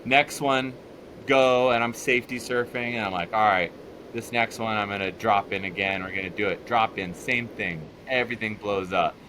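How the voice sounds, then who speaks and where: A man telling casual stories in a relaxed chat, animated and laughing as he goes. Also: lowish voice, normal speed, slight background noise. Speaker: podcast guest.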